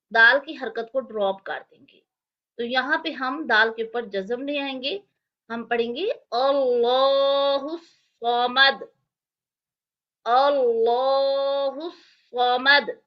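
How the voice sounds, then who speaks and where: A woman teaching Quran reading step by step, explaining each letter and then reciting the words slowly and drawn out. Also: fairly high pitch, lively intonation, highs cut off.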